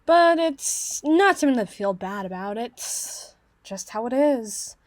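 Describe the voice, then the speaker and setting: In an ASMR roleplay with no room sound, a woman with a fairly high, animated voice plays a flustered, haughty teenage tsundere girl who is bookish and socially awkward. She speaks a little slowly in formal, wordy language, sounding proud and aloof.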